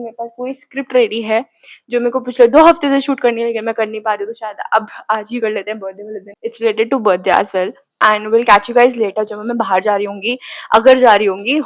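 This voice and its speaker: A woman's voice: on the high side, rough recording. A young woman in her twenties with an Indian accent, chatting casually to her phone camera in a vlog, mixing Hindi and English. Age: 20s. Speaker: vlogger. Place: cafe, indoors.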